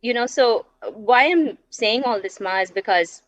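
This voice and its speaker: A woman's voice: a little high, a little slow, no room sound. A woman in her thirties from Dubai, telling her personal story earnestly and reflectively as an interview guest. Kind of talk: personal testimony. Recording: dull, dry lo-fi stream audio.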